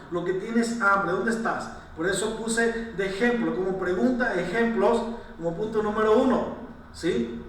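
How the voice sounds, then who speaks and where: A male pastor preaches very slowly and deliberately, in a voice pitched a little high. He repeats rhetorical questions and keeps checking in with his listeners. He is heard from a distance in a very echoey room. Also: a bit bright, slight background noise. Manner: apologetic, self-correcting asides. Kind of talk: sermon.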